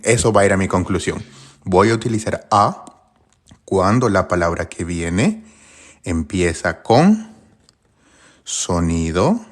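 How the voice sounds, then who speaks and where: Lively low-voiced male English teacher. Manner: lively, rhetorical questions to viewers. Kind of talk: online grammar lesson.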